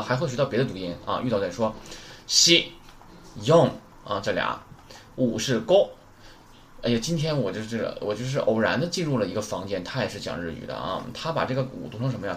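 Chatty man teaching numbers, lively pitch. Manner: chatty, repeats numbers aloud, asks rhetorical questions. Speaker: Japanese teacher. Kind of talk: casual spoken lesson.

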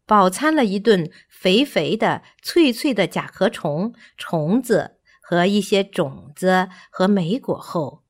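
A woman reading a children's storybook aloud in a slow, expressive manner. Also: mid-range voice.

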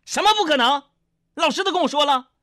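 A man putting on a shrill, angry mother, scolding her son. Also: animated, fast, bright, forceful tone, dry recording, studio quality, full character voice.

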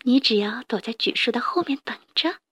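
A crafty fox from a children's storybook, played by a woman narrator, murmuring her plan in a soft, secretive half-whisper. The voice stays dry and close to the mic. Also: fairly high pitch, expressive, moderate pace, husky, no room sound. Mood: scheming. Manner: hushed, conspiratorial whisper. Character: sly clever fox neighbor giving advice.

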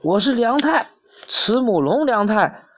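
A woman's voice: on the high side, big pitch swings, unhurried, voice pushed up. A woman voicing a young male dinosaur who is tearful and confused, speaking in a raised, pleading storybook voice.

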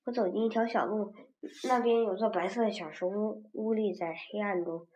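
A woman reading a story aloud in a measured recitation, with pauses and occasional fillers. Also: mid-range voice, fairly even intonation, darkish tone. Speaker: reader. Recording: roomy, dull lo-fi recording.

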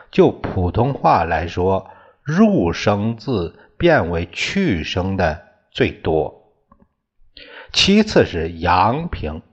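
A man teaching a class in a slow, deliberate way, often restating his terms. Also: deep voice, breathy edge. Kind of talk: lecture on classical poetry tones. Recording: dull lo-fi recording.

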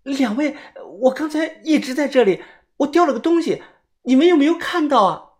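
A man doing a high, flustered rich young lady. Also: lively intonation, moderate pace, darkish tone. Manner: high, anxious, stammering.

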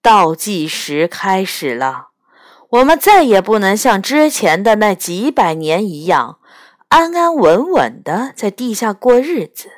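A woman's voice: mid-range voice, big pitch swings, measured pace, dry recording, clean studio sound. A woman doing a haughty scheming bird spirit. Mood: insistent. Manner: haughty, insistent. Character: scheming singing-bird spirit, cold and grand. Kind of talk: storybook reading.

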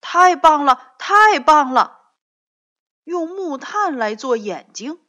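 A woman voicing a sleepy, stubborn young male frog in a children's storybook, calling out loudly. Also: fairly high pitch, sing-song, slow pace, voice pushed up, full character voice. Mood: delighted. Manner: loud, stubborn. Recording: dull lo-fi recording.

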